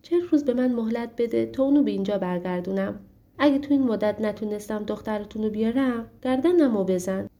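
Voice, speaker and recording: A woman's voice: on the high side, mellow, close to an everyday voice. A woman voicing a young male hero in a storybook, pleading and determined. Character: young hero, desperate but determined man.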